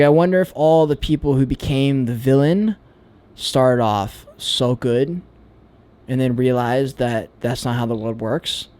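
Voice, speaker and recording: A man's voice: mid-range voice, warm tone. A man vlogging a candid, reflective monologue about himself. He talks in a searching, hesitant way and swears freely.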